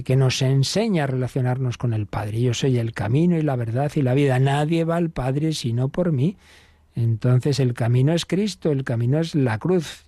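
A man's voice: medium pitch, mellow, husky, no room sound, clean studio sound. A man giving a catechism lesson, explaining patiently with rhetorical questions and frequent restarts. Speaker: priest teaching the catechism.

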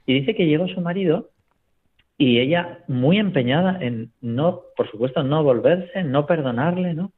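Priest on a phone line. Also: male voice, on the high side, animated, moderate pace. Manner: storytelling, constant tag question "¿no?". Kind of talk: reflective spiritual talk on radio.

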